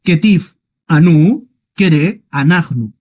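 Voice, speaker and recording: A man teaching a Hebrew class in Spanish who explains step by step, checks in often with short questions, and reads Hebrew words out slowly. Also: a little high, animated, a little mellow. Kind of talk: online class lecture.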